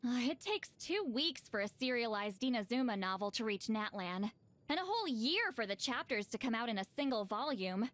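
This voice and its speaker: Voiced high and youthful, the shaman woman from a video game speaks at normal speed with no echo, her animated character lines rising and falling sharply in pitch. She comes across as musing, proud and socially awkward, hesitant and slightly huffy when explaining things.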